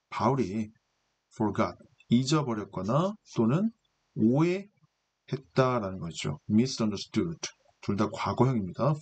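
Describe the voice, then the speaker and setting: A man teaches an English text in a patient, explanatory way, asking himself questions and then answering them. His voice is slightly husky, and his pitch moves in a lively way as he stresses each point. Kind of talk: lecture explaining English grammar.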